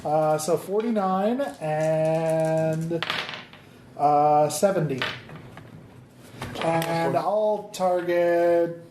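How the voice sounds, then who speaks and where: A man's voice: on the high side, drawn-out words, long pauses. Guy at the game table, casual player banter, echoey and noisy recording.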